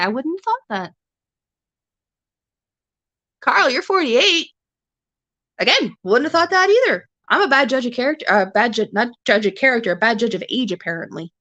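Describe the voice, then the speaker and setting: A Canadian livestream host in her forties chats casually, rambling with frequent restarts and fillers. Her voice is a little high with a fairly bright tone. Recorded via webcam or phone, it carries no echo.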